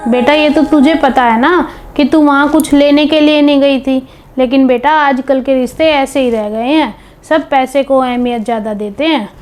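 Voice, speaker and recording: A woman playing a caring mother-in-law who gently advises her daughter-in-law in a family drama. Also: high voice, steady tone, normal speed, a little hiss or hum, natural voice. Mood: consoling. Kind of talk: scripted home video family drama. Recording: background music under dialogue.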